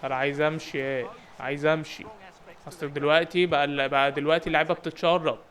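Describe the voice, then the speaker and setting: A young man with an Egyptian Arabic accent giving joking, excited commentary on a football game and shouting at his players. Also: fairly high pitch, racing. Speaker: gaming YouTuber.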